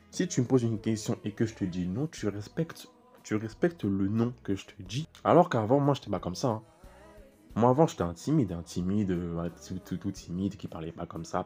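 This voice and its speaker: A man's voice: lowish voice, a little mellow. A young man giving informal spiritual teaching and testimony, rambling, repeating words and restarting phrases as he talks straight to the listener. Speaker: preacher styling himself a prophet.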